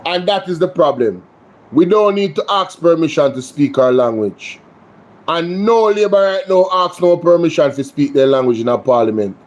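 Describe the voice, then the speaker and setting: A man's voice: fairly high pitch, expressive, moderate pace, highs cut off. A Jamaican man hosting a live political reaction stream, emphatic and indignant as he responds to clips. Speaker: political commentary host.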